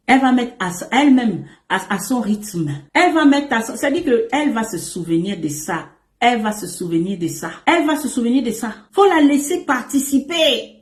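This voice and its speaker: Woman, relationship coach, casual advice monologue; emphatic, repetitive, playful; echoey room sound. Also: mid-range voice. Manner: emphatic and repetitive, calls listeners "my emperor"; animated and playful, with asides and laughs.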